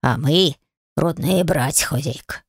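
A woman voicing timid low house-spirit brothers. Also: husky, no echo, studio quality, exaggerated voice. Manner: slow, hopeful and timid. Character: shy humble male house-spirit brothers.

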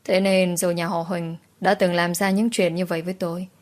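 A woman's voice: fairly low pitch, little pitch movement, a little fast. A woman narrating a romance novel in the first person, with dramatic, emotional storytelling. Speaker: audiobook narrator.

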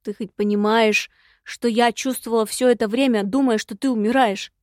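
A woman voicing a spirited young heroine in an audiobook, brisk and insistent. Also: fairly high pitch, steady tone, a little mellow, dry recording, studio quality, close to an everyday voice. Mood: pressing.

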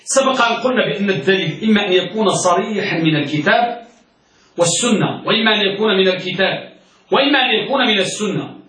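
High, bright-voiced man teaching in an echoey room. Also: lively intonation, fast talker, distant mic. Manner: asks students questions and answers them himself, repeats key words. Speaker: sheikh teaching hadith. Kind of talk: classroom lesson.

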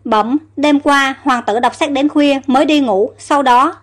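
A woman's voice: sits high, a little slow. A woman reading the lines of a loyal elderly nursemaid who speaks respectfully and soothingly, in a storybook narration. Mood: worried.

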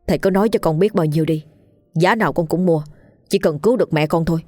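A woman's voice: low voice, quick pace, dark tone, no room sound, faint music behind. A woman voicing a poor, desperate young husband who stammers and pleads in a hurry. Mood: firm.

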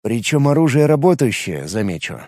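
Man doing a calm measured fighter, low quiet voice, mellow tone. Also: no room sound, clean studio sound. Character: calm level-headed male fighter.

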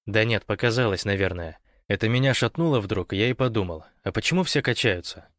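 A man's voice: lowish voice, lively intonation, fairly quick, fairly bright tone, no echo. A teasing, wisecracking team captain from an audiobook, read by a man. He jokes and sometimes barks commands. The recording is close and dry. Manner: teasing, barking.

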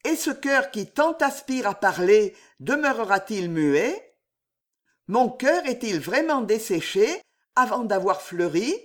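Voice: medium pitch, very animated, takes it slowly, pitched above the performer's own voice. A reader voicing a proud, restless young woman who questions her own heart, in an audiobook. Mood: doubting. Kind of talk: audiobook reading.

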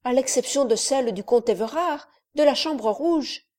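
A woman's voice: sits high, a little slow, darkish tone, pitched above the performer's own voice. A woman reading as a timid old steward. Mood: fearful, deferential. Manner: hesitant, apologetic, deferential. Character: elderly male castle steward, timid, fearful. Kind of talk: audiobook character reading.

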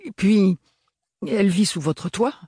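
A timid young woman, put on by a male narrator, speaks hesitantly and a little breathlessly, her voice lifted and husky. The sound is close and dry, as in an audiobook reading. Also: high voice, measured pace, mellow, dry recording, pitched above the performer's own voice. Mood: flustered. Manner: hesitant, stammering.

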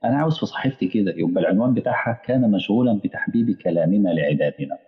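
A man preaching in an Egyptian accent, his low voice rough with fry as he rushes through his points. He plays out quick exchanges with imagined listeners, taking both sides. The sound is dull and lo-fi, with a long reverb trailing behind him. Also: animated. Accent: Egyptian Arabic. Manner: acts out back-and-forth dialogues with imagined listeners. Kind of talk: colloquial sermon.

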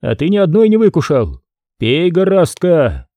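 A man's voice: a little high, huge pitch swings, moderate pace, dark tone, no echo, muffled recording, pitched above the performer's own voice. A man doing a drunk preachy guard. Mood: tipsy. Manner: drunkenly insistent.

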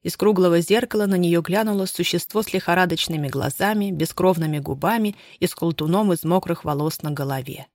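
An audiobook narrator reading a thriller in a steady, measured way. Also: medium pitch, no echo, studio quality. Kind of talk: scripted narration.

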